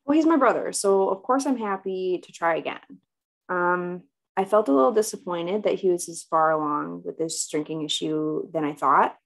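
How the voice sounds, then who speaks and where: A woman with pronounced vocal fry and a slightly low pitch talks as a therapy client in a role-play. She is hesitant and self-doubting, feeling her way through her answers in a conversational style. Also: normal speed, poor audio.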